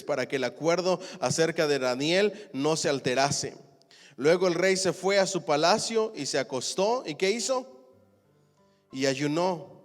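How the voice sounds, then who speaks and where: A slow-speaking man with a slightly high voice preaches a sermon, reading scripture aloud and building to loud emphatic declarations before dropping low again. He has the congregation repeat phrases after him. The church hall rings with long reverb, and soft music plays underneath. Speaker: pastor teaching a Bible class.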